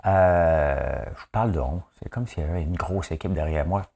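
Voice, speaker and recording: Speaking with a Québécois French accent, this man delivers casual solo news commentary on his daily show, joking and wandering off into asides. His voice is low, gravelly and slightly rough with a darkish tone, at a normal speed.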